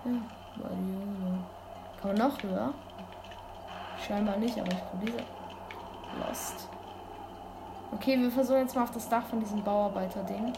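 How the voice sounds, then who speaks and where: A woman giving casual gameplay commentary, excitable and full of youthful slang, breaking into sudden loud exclamations. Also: mid-range voice, normal speed, gravelly, pauses often. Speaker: let's play gamer. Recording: constant background noise.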